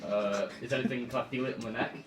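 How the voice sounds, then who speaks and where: A man's voice: mid-range voice, steady tone, fast talker, music in the background. A man playing a tabletop game, rambling and giggling as he talks. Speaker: player. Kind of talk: casual tabletop play. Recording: roomy, distant, noisy mic with clicks.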